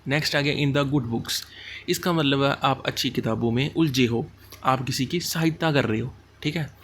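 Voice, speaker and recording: In this laid-back, conversational lesson, a male teacher covers idioms likely to appear on exams, mixing two languages, Hindi and English, and grounding definitions in homely scenarios. He goes slowly on the English phrases, his voice pitched in the ordinary middle. Faint background hiss is audible throughout.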